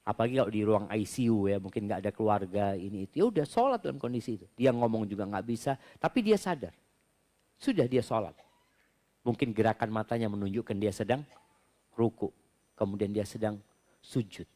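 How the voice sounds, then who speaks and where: Speaking fairly quickly with a fairly low voice, a man who preaches Islam reads audience questions and then answers them. His explanations in this religious Q&A talk are relaxed and conversational.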